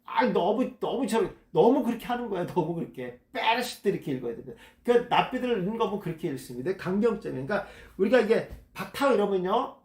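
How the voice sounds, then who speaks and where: A man's voice: sits high, very animated, fast talker, hardly any pauses, darkish tone, reverberant. A man leading a Bible study lecture, reading passages aloud and explaining words, often repeating key terms. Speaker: Bible teacher.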